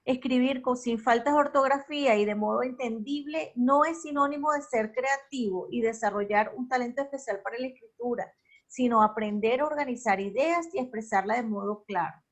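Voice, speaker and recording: A woman teacher lecturing an online class on spelling and accent marks, often checking in with a quick question and correcting herself mid-sentence. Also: a little high.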